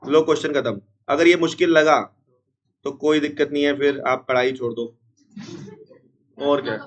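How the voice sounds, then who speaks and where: A man teaching an accounts class, unwell with a strained chest, repeating formulas slowly and scolding noisy students. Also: a little high, steady tone. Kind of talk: classroom lecture.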